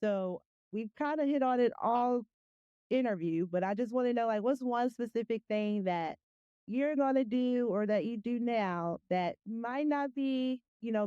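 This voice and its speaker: A woman's voice: medium pitch, warm tone, smooth, no room sound, muffled recording. A woman hosting a podcast in a casual, chatty way, encouraging and effusive with her praise. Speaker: podcast host.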